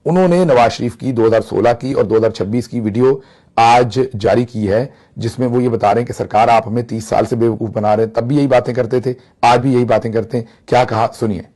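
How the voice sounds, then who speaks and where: A man's voice: mid-range voice, a little fast, dark tone. A man from Pakistan giving mocking political commentary, slipping into Punjabi phrases.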